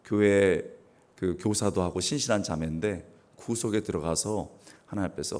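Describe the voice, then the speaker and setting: A middle-aged man preaching a revival sermon as guest pastor, with dramatic swings and sudden raised exclamations, clearing his throat now and then. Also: sits low, normal speed, darkish tone.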